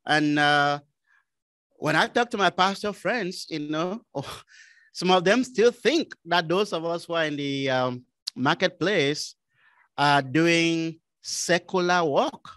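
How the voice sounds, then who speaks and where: Lively, bright-voiced man from Cameroon. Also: on the high side, slow pace, no echo. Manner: animated, laughing often, acts out his own quoted lines. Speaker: business consultant and former pastor; guest. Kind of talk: casual conversation telling a personal testimony.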